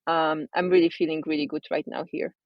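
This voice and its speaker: A woman with a Polish accent, a designer and coach speaking casually as an interview guest, thoughtful and pausing to search for words. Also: low-pitched, flat delivery, dry recording, muffled recording. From Poland.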